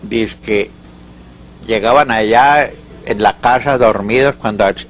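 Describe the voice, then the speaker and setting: On a rough recording, an older Paisa-accented man from Colombia shares local tales in an oral history interview, his voice lowish with a touch of brightness. He wanders as he talks, halting, restarting, and slipping into asides.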